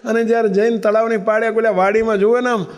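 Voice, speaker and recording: A man's voice: high voice, little pitch movement, quick pace. A man giving a sermon, telling a story, acting out its characters and asking the listeners questions. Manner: acts out characters' voices in his stories; asks the listeners rhetorical questions. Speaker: preacher.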